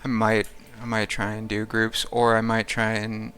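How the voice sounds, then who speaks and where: A man's voice: fairly low pitch, completely flat delivery, moderate pace, a bit bright, slight background noise. A man streaming a game live, rambling casually and thinking aloud with lots of fillers. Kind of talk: casual live-stream commentary while playing.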